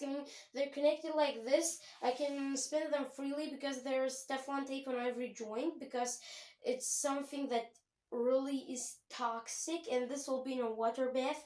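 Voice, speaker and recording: The host of a home chemistry channel gives a rambling, chatty tour of her home lab, frequently correcting herself. Her voice is high-pitched with a darkish tone, recorded in an echoey room.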